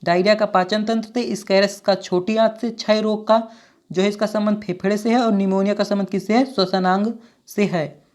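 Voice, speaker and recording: A woman's voice: medium pitch, normal speed. Woman running through exam questions. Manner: reads each question and options, then gives the answer; steady, repetitive phrasing. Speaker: teacher. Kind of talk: exam quiz walkthrough.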